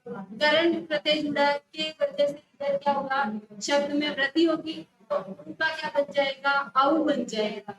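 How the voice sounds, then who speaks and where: A woman's voice: high-pitched, animated, unhurried, faint music behind. A woman teacher going over exam questions with her students, firmly correcting mistakes and repeating key words. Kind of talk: exam prep lesson going over a test. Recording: echoey room with faint noise.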